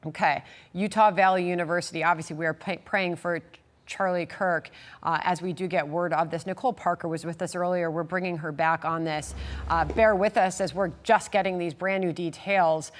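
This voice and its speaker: A woman's voice: fairly low pitch, fairly even intonation, moderate pace. A woman anchoring live breaking news, hesitant while relaying details.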